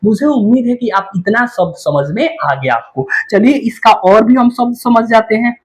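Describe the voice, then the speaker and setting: Hindi grammar teacher asking and answering himself. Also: male voice, high-pitched, sing-song, normal speed, poor audio. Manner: asks questions and answers them himself, keeps calling the listener 'babu'. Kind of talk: classroom lecture.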